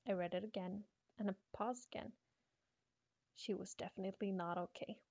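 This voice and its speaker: Creaky-voiced woman narrating spooky stories. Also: mid-range voice, fairly even intonation, moderate pace, darkish tone, no room sound, highs cut off. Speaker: horror story narrator. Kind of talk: spooky first-person scripted narration.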